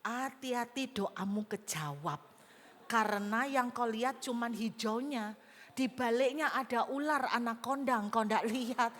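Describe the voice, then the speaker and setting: A woman pastor preaching a sermon, telling a story with lively emphasis and speaking straight to the congregation. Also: a little high, measured pace. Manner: animated storytelling, addresses the congregation directly. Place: large auditorium. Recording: hall reverb.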